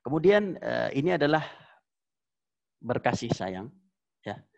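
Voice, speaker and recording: Emphatic gravelly male preacher. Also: big pitch swings, measured pace, a little mellow. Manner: emphatic, repeats phrases, jumps to high exclamations; recites Arabic verses between plain explanation. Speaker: Islamic preacher. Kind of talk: religious lesson to a congregation. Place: Islamic boarding school lecture. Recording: dull lo-fi recording.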